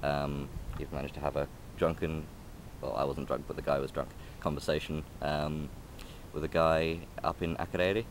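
A young adult man vlogs casually outdoors in a park beside a railway line, holding a phone or camera close. His very deep voice barely moves in pitch and keeps a moderate pace, with slight background noise. He rambles hesitantly, with many ums and restarts.

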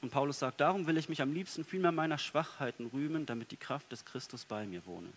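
A man preaching a sermon in a church, earnest, moving between soft, quiet passages and emphatic ones. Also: a little high, fast talker, slight background noise. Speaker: pastor.

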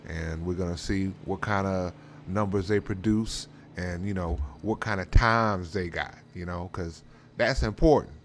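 Speaking deep and a little slowly, this man runs loose, slangy role-play commentary for his drag racing channel, drifting from point to point. "You know what I'm saying" comes up again and again, and background noise is plainly heard.

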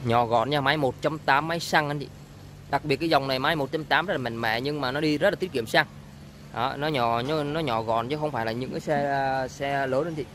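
Man, used-car seller, informal walkaround, repetitive and hesitant, mid-pitched, faint street noise. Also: brisk, a bit bright. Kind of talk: informal sales walkaround narration. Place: outdoors on a street beside a car. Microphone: handheld camera, speaker behind it. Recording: outdoor ambient noise.

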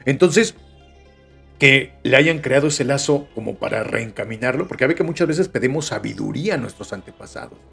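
A man's voice: medium pitch, expressive, fairly quick, gravelly, fairly bright tone, soft background music. A man with a Mexican Spanish accent, hosting a podcast, reading listener stories aloud with chatty joking asides. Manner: chatty, joking asides between read passages. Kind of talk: casual storytelling reading.

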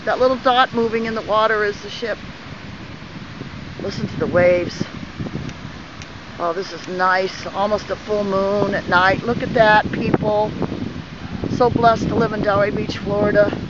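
A woman's voice: mid-range voice, fairly even intonation, measured pace, pauses often. A woman narrating a walk on the beach as she films, exclaiming with delight at the waves, the ships and a bird. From Boston area. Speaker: vlogger filming a beach walk. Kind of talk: casual narration while filming. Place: outdoors on a beach by crashing waves. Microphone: handheld camera mic. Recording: dull lo-fi camcorder audio with loud surf. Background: loud surf and wind.

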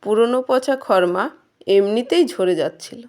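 Woman reader doing a poor, gentle old village farmer, soft and pleading, storybook reading. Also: medium pitch, a little slow, natural voice.

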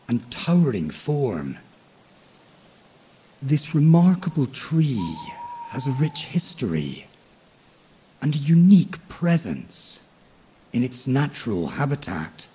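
A man with a husky, breathy voice narrating a bedtime story like a nature documentary, tranquil and measured, with frequent pauses. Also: medium pitch, sing-song, dark tone, slight background noise, poor audio. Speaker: host of a sleep story podcast.

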